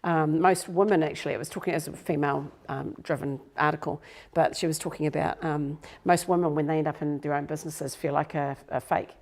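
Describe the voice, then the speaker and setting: A woman's voice: low-pitched, flat delivery, quick pace, vocal fry, few pauses. A middle-aged woman, a business coach giving a live workshop talk to a group in a room, chatty and self-deprecating.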